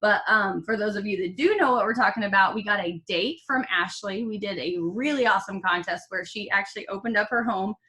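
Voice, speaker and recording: Upbeat woman, bright tone, runs a team call while hiccuping, casual and joking. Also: mid-range voice, brisk, hardly any pauses. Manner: upbeat and chatty, with fillers and jokes. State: has the hiccups. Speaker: team leader.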